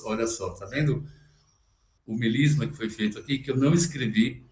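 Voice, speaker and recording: In this online music lecture, a man explains Byzantine chant on a video call, often ending his points with questions and sometimes singing brief phrases as examples. His voice is medium-pitched and a little mellow, at normal speed, and the room echoes.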